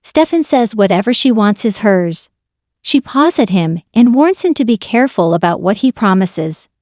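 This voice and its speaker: A woman narrating a scripted recap of soap opera events in a flat, even reading. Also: medium pitch, moderate pace, dry recording, studio quality.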